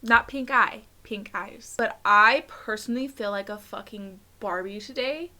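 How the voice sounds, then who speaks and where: A woman's voice: a little high, sharp tone. A woman vlogging her makeup routine in casual chat, talking with a slight lisp from a tongue piercing, chatty and candid. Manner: chatty and candid, fillers and quick asides.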